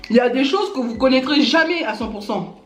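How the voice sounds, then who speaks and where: A high-pitched man vents to camera in a casual monologue. He is indignant and talks straight at a critic. The room echoes, and faint music plays behind him. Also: expressive, a little fast, fairly bright tone. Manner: indignant, addresses a critic directly. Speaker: vlogger. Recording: roomy echo with faint music.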